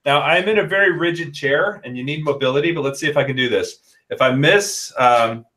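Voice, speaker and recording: A man in his late forties, a guest on an online video-call chat, telling rambling stories in a lively, animated way. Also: fairly high pitch, a little fast. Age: 40s. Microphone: headphones and laptop on a video call.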